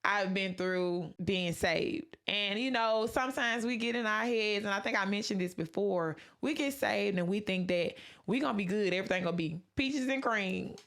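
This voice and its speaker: A woman's voice: medium pitch, normal speed, fairly bright tone. A woman hosting her own podcast, telling a personal faith story in a casual, conversational way with many asides and quoted dialogue. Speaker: podcast host.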